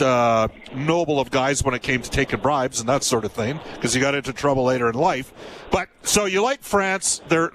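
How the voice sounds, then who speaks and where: A man's voice: a little high, fairly bright tone, a little hiss or hum, rough recording. A man in his fifties hosting a sports radio show, chatty and rambling, often losing his thread. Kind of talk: casual sports talk.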